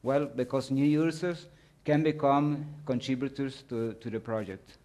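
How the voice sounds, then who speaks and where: A man presents a technical talk at a conference, walking his audience through his slides. His delivery is halting, with frequent pauses and restarts as he searches for the right words. His pitch sits in an ordinary middle range for a man. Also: fairly even intonation, darkish tone.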